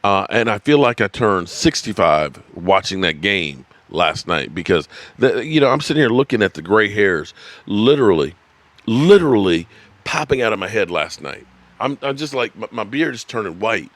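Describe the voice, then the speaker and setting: Sitting at his desk, a sports channel host in his fifties runs a live-stream sports talk and reads the chat out loud, laughing, cursing, and rambling. He speaks at a normal speed in a lowish, slightly bright voice with big swings in pitch.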